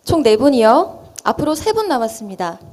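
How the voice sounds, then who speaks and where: A woman with a high voice hosts a live lucky draw. Her pitch moves in lively swings as she announces numbers and instructions. She keeps a formal, polite event-host register throughout. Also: normal speed.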